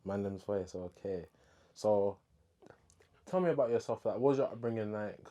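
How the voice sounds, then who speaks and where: A man's voice: on the low side, normal speed, mellow, muffled recording. A man hosting a podcast, asking short, laid-back questions in casual chat. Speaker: podcast host.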